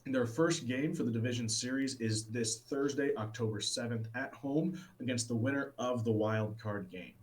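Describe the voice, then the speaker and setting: A man co-hosting a casual sports podcast, talking with lots of fillers and restarts and getting excited about baseball. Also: mid-range voice, moderate pace, hardly any pauses. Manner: rambling, many fillers and restarts. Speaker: podcast co-host.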